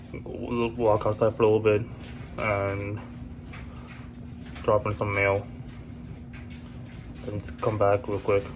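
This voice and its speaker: A man's voice: lowish voice, slight background noise. Laid-back sick man vlogging. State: sick, slightly husky. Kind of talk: casual vlog chat. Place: walking outdoors and at home.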